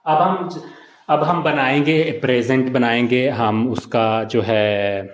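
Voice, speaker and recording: A man's voice: mid-range voice, fairly even intonation, slow, slight background noise. A man teaching Italian in a live online class, explaining step by step and mixing English words into his talk. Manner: explains step by step, asks and answers his own questions; mixes Hindi-Urdu with English and Italian words.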